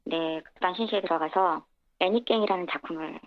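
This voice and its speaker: Woman w/ disguised processed voice, gravelly, tinny phone line, giving an anonymous radio interview. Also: fairly low pitch, brisk, no echo.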